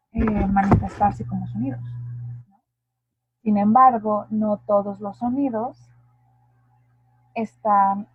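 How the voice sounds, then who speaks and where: A woman's voice: medium pitch, breathy edge, dry recording. A woman with a Mexican Spanish accent giving an online linguistics lesson, explaining step by step and asking her class rhetorical questions. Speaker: linguistics tutor. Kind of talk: online lecture. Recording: dry, phone-like narrow sound.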